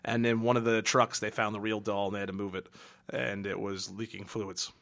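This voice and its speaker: Male podcast co-host, fast and forceful, profane and exasperated in casual chat. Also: fairly low pitch, flat delivery, creaky.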